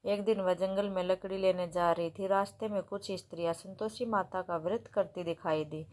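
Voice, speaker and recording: A woman narrating a devotional fasting story as a storyteller, in a steady, even reading. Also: lowish voice.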